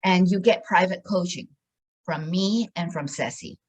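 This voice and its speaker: A woman's voice: on the low side, unhurried, breathy edge, rough recording. A woman in her sixties giving a casual sales talk about a wellness program, hesitant and full of fillers and restarts. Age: 60s. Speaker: wellness product presenter.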